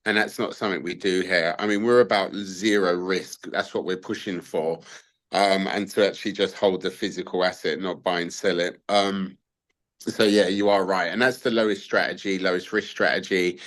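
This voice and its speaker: A man's voice: deep voice, steady tone, normal speed, fairly bright tone. A man, a gold investment adviser, explaining his approach in a talkative, casual interview style with many fillers and asides.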